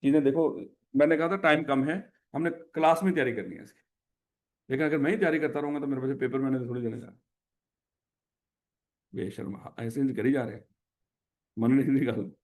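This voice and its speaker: A man's voice: mid-range voice, brisk, long pauses, darkish tone. A man with a Pakistani Urdu accent teaching a class, repeating questions and teasing his students affectionately. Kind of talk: classroom lecture.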